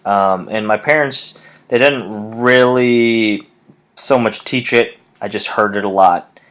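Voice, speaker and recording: A young man from Wisconsin reading out questions and answering them casually, with many pauses, ums and restarts. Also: lowish voice, a bit bright. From Wisconsin, USA. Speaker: language student answering questions.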